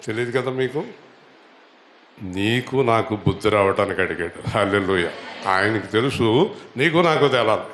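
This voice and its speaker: A male pastor preaching to his congregation. He asks them questions, has them repeat lines and rises to loud, high exhortation. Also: animated, normal speed, pauses often, a little hiss or hum. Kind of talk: Telugu church sermon. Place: church hall. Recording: echoey church hall.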